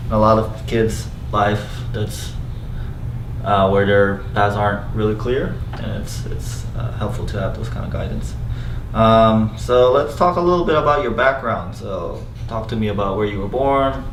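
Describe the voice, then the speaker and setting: A young man hosts an interview in a friendly, easygoing way with a lowish voice. He sounds set back from the mic in a roomy space, with a faint hiss behind. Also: normal speed, far from the mic. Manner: friendly, many short "yeah" acknowledgements. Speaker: podcast host. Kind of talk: casual interview conversation. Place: indoor room by a window. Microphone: far camera mic.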